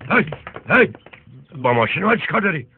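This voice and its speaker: An actor dubbing a bossy middle-aged guest who barks orders at servants. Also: male voice, high-pitched, big pitch swings, heavy background noise. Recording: tinny phone-like film dub with faint music.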